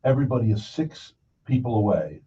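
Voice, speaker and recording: Very animated and fairly quick, this broadcast show host speaks in a dark, fairly low voice, rambling through folksy anecdotes and acting out what people said in casual talk. A distant mic makes the recording dull, with faint noise.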